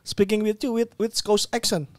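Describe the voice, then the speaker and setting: A man from Indonesia co-hosts a podcast and throws in short, joking phrases in halting English. His voice sits high for a man, and the recording is dry and close. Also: steady tone, no room sound. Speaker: podcast co-host. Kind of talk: casual interview chat.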